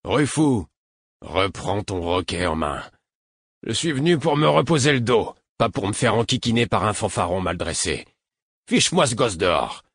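A gruff old veteran guard in a spoken storybook, sore-backed and fed up, as a male narrator puts him on, barking curt orders to end a brawl. his voice is husky and low, and the sound is dry. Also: lively intonation, normal speed, dry recording. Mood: stern. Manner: curt, commanding.

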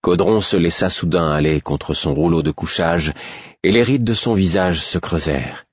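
Male audiobook narrator, measured steady reading, very deep voice, husky, dry sound. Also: dry recording, muffled recording. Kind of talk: scripted first-person narration.

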